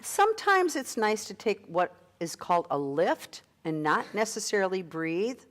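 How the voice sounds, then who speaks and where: A woman's voice: medium pitch, big pitch swings, measured pace. A woman with a Midwestern accent coaching a choir in rehearsal, breaking into sung lines to demonstrate. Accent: Midwestern American. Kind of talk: rehearsal instruction.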